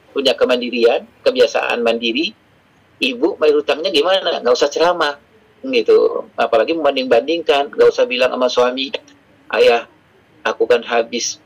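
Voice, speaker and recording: A man's voice: medium pitch, vocal fry, slightly rough, rough recording. A middle-aged man giving a conversational parenting seminar to fathers and mothers, acting out quoted dialogue as he goes. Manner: acts out quoted dialogue in varied voices. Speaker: parenting class speaker.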